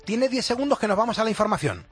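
A man's voice: high voice, very animated, rapid-fire, breathy edge, soft background music. A man with a Spanish accent hosting a radio phone-in, chatting casually in a teasing, familiar way. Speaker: radio host.

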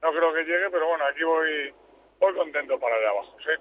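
A man phoning in from a moving car, chatty and opinionated as he weighs up the match. The line is thin and tinny, and his voice sits a little high. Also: quick pace, slight background noise. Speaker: commentator calling in. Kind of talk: radio sports talk. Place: car on the road.

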